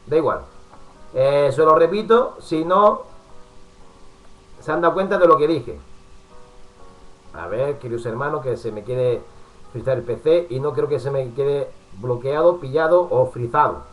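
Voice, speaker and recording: Preacher over faint music. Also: male voice, medium pitch, expressive, low-quality recording. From Spain. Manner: warm pastoral address with frequent asides, pausing to work the computer. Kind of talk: recorded Bible study sermon.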